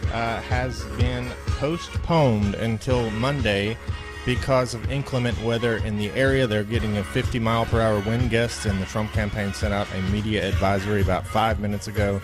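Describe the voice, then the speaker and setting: A man's voice: on the low side, steady tone, normal speed. An American man hosting live coverage in an informal, conversational way, with some hesitations. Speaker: broadcast host. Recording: loud music playing behind voice. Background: music.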